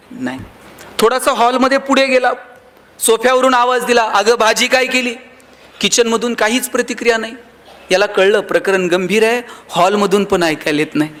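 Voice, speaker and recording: Man, high voice, motivational speech, humorous storytelling, acts out quoted voices. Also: a bit bright. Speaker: motivational speaker. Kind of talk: motivational speech to a live audience.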